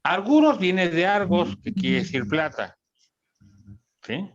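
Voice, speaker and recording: A man's voice: high voice, big pitch swings, slow. A man, a pastor teaching a ministry class, explaining Greek words and asking his students questions. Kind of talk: classroom Bible teaching, conversational. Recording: dull lo-fi sound.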